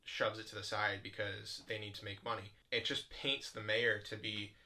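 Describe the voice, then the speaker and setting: A young man co-hosting a podcast, chatting casually with relaxed storytelling and quick quips. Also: lowish voice. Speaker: podcast co-host. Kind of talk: casual chat.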